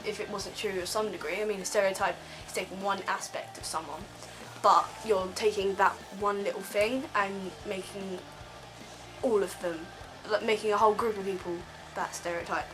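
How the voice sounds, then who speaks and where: Teen girl, casual vlog rant, rambling, lots of ums, mid-pitched, music underneath. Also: steady tone, normal speed, low-quality recording. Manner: rambling, filler-heavy, frequent ums. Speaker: vlogger. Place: bedroom, on her bed.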